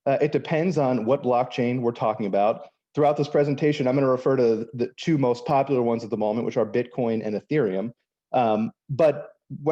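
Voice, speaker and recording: A man from Miami, an attorney, giving a quick, explanatory conference presentation with many filler words. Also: mid-range voice, warm tone, muffled recording. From Miami, Florida. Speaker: attorney, panel speaker.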